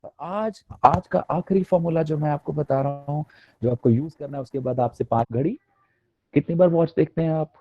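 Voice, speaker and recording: A man giving a motivational stress-management talk to teachers, playful and animated, acting out little quotes. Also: fairly high pitch, normal speed, no room sound, dull audio. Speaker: motivational speaker.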